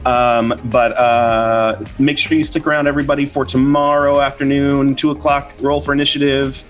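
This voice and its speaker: A man's voice: medium pitch, level tone, normal speed, soft background music. A man hosting a casual livestream chat, rambling with fillers and easy laughs. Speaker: host.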